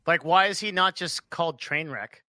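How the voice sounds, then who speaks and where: A man's voice: a little high, moderate pace, bright, forceful tone, dry recording, studio quality. A man teasing and joking in a casual group podcast chat.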